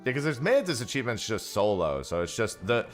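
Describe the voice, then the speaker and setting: A man's voice: on the low side, very animated, brisk, soft background music. A man streaming a game over a headset mic, chatting casually and thanking viewers. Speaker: livestreamer. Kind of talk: casual livestream chat while gaming. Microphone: headset mic, livestream audio.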